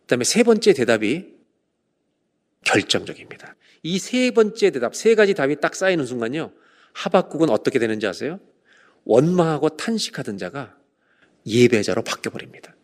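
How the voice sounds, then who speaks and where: A man's voice: medium pitch, very animated, normal speed. A man preaching a sermon as a pastor, with impassioned delivery that keeps prompting the congregation to respond. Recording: long church hall reverb.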